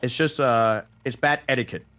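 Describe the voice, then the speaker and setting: A man co-hosting a live stream, chatting casually in a relaxed, teasing way. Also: medium pitch, normal speed. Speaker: guest co-streamer.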